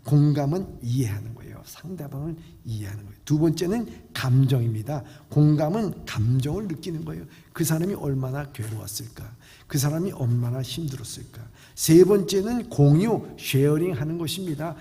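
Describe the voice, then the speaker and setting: A male pastor preaches emphatically, swinging between loud and soft lines. His voice has a gravelly fry. Long church reverb trails his words. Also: fairly high pitch, lively intonation, moderate pace, hardly any pauses. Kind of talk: sermon. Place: church sanctuary.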